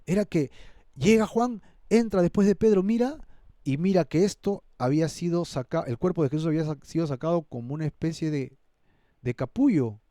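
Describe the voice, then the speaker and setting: Earnest preacher acting out scripture. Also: male voice, fairly high pitch, a little fast, dark tone, dry recording, studio quality. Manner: dramatizes the scripture, acting out characters' voices; earnest, pleading appeals to listeners. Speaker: pastor. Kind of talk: expository sermon.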